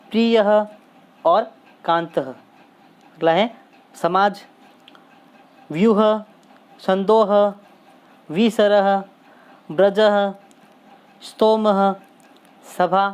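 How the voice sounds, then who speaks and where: A man teaching as he reads out lists of words slowly and deliberately, one by one, pausing between each. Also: sits high, smooth. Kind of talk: slow lesson reading word lists.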